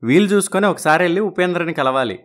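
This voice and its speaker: A man's voice: fairly high pitch, animated, fast, a bit bright. Fatherly man in story dialogue. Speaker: voices male characters.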